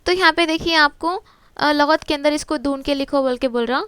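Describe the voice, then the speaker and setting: A woman with a high, fairly bright voice explains a grammar lesson from a textbook to students, recorded close with no room sound or echo. She patiently asks each question and then answers it herself, mixing English words into her Urdu.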